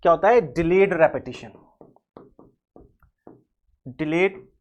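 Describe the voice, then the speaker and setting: A man's voice: on the high side, takes it slowly, a little mellow, dull audio. Man teaching, spelling terms aloud. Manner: explains step by step, repeats key terms, spells words letter by letter; mixes Hindi with English terms. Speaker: English teacher. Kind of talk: exam-prep video lecture.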